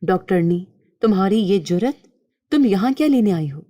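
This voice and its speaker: Woman doing a threatening village chief, storybook villain, slow delivery, dark voice. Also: fairly low pitch, no echo, studio quality, close to an everyday voice. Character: menacing male village chief, threatening and arrogant.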